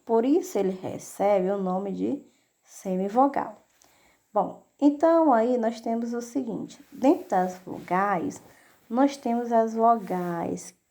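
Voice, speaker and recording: Brazilian woman teacher, middle-aged, unhurried video lesson, patient and repetitive. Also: fairly high pitch, creaky, dark tone. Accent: Brazilian Portuguese. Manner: patient, repeats "né?" and "tá?" to check understanding. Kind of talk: recorded video lesson for children.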